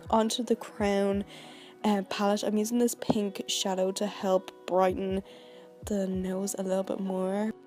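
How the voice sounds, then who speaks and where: A woman's voice: mid-range voice, flat delivery, unhurried, a little mellow, faint music behind. A woman beauty vlogger narrating a tutorial in a casual, chatty, informal way.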